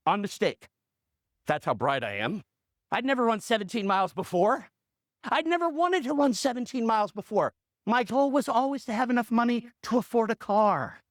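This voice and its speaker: High-voiced motivational storyteller man. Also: no room sound, studio quality. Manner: animated storyteller, punchy repetition. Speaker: coach and radio host.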